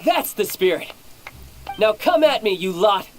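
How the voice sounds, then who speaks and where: A pompous, high-voiced young commander. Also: male voice, big pitch swings, unhurried. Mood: brisk, bossy. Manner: pompous, speechifying. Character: playful young male military commander, theatrical and bossy. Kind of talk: video game voice acting. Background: light game music.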